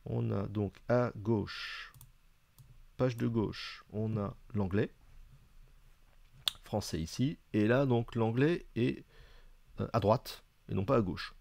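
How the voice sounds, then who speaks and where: Man, hesitant casual reviewer, dark mellow voice, deep and low. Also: takes it slowly, gravelly, long pauses, no echo. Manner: hesitant, many fillers, chatty asides. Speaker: video presenter reviewing books.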